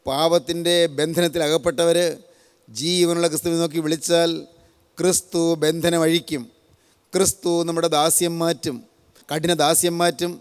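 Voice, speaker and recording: A man's voice: a little high, smooth. An older man from Kerala preaching a sermon, solemn and repetitive, stacking one parallel phrase after another. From Kerala, India. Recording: long hall reverb.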